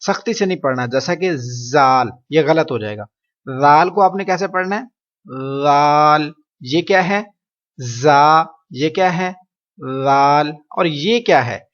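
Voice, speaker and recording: A man teaching Quran reading, slowly modeling each letter sound and then explaining it. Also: high-pitched, expressive, dull audio. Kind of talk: teaching Arabic letter pronunciation.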